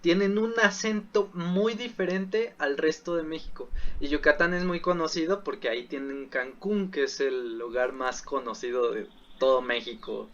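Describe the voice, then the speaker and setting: A co-host from Mexico City with a central Mexican accent, chatting in an easygoing way in a casual interview. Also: male voice, fairly high pitch, normal speed, a crowd in the background. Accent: central Mexican Spanish. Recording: dull lo-fi sound.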